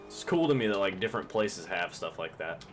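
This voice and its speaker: A young man from Kentucky, his voice deep, expressive and fairly quick, streams a game while chatting casually. He's laid-back and rambling, swearing plenty, and the recording carries a little hiss or hum.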